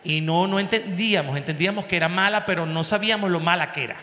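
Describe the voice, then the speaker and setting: Venezuelan comedian telling stories, echoey hall. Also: male voice, high-pitched, fast. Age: 40s. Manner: animated, crude slang and sound effects. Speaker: comedian host. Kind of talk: stand-up storytelling.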